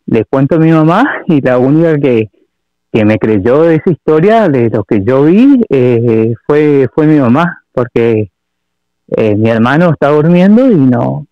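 A man from Argentina with an Argentine Spanish accent, calling in to tell a personal story in a halting way, full of fillers and repeats. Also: mid-range voice, expressive, dry recording, dull audio. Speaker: caller. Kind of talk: telling a personal story on a call-in show.

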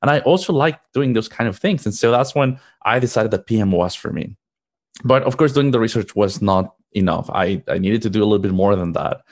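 A man's voice: fairly low pitch, animated, a little fast, darkish tone. A man in his thirties from Mexico, a product manager answering interview questions in an earnest, upbeat way with fillers and restarts.

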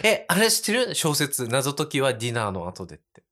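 A man co-hosting a casual podcast, animated and teasing as he chats. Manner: animated, teasing, quick jumps in pitch. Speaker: co-host, regular guest. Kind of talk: casual chat.

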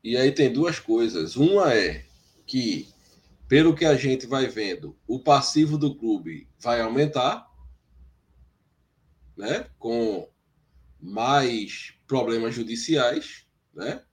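A man's voice: mid-range voice, expressive, slow. A man, commenting on a fan football debate show, hesitant and searching for words, sharply critical.

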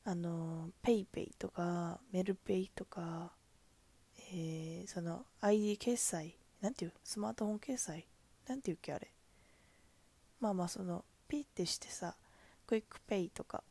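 A woman's voice: on the low side, normal speed, creaky, mellow, slightly rough. A woman with a Kansai accent, a cashier, venting in a chatty, exasperated way about customers at the register. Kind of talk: casual venting monologue.

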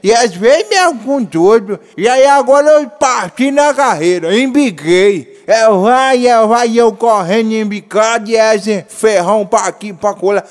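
A man's voice: unhurried, hardly any pauses. A man telling comic tall tales as a boastful old backcountry cowboy with a rural Minas Gerais accent, drawling and folksy. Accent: rural Minas Gerais Portuguese. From northern Minas Gerais, Brazil. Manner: folksy drawling, lively pitch swings. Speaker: storyteller.

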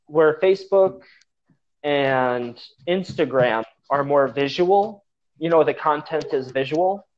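Higher-voiced American man, muffled lo-fi call. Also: slow. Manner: blunt, enthusiastic, emphatic. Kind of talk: casual chat. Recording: dull lo-fi app call audio.

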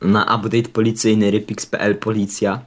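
A man's voice: fairly low pitch, flat delivery, normal speed. A man co-hosting a casual podcast, ribbing his friend with mock-boastful teasing. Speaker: podcast co-host.

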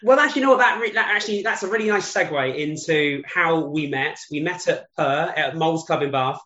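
A man's voice: a little high, a little fast, sharp tone. A man in his late thirties hosting a casual chat, enthusiastic and reminiscing. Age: 30s. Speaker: podcast host. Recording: echoey, dull lo-fi sound.

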